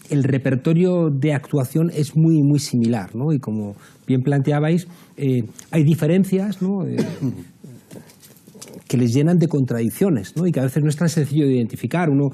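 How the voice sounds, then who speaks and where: Debate host, man, husky and very dark-toned, thoughtful, halting. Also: medium pitch. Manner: reflective, hesitant. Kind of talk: moderating a political debate.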